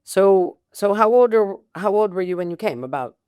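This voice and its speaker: A woman's voice: mid-range voice, animated, normal speed, darkish tone, dry recording. Give me a woman podcast host making casual, joking chat, recorded dry. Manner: chatty, joking asides.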